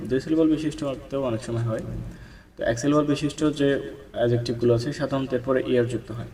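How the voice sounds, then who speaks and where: A male English tutor talks through exam questions at an even pitch. He explains patiently and keeps checking that his listener is following. He reads each example sentence slowly and carefully, and his voice sounds a little distant from the mic. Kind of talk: explanatory lesson, mixing Bengali and English.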